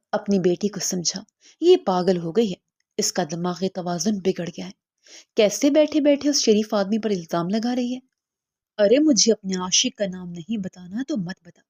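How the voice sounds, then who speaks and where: A woman's voice: medium pitch, warm tone, lightly acted. A woman voicing a scornful older village midwife who scolds harshly and self-righteously.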